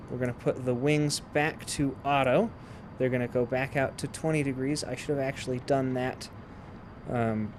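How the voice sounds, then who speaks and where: A man with a mid-pitched voice walks through a flight sim procedure as he plays. He explains each step casually, in the way of a tutorial. Aircraft simulator noise sits faintly to clearly behind his voice. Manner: explains step by step while playing. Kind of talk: casual instructional gameplay commentary.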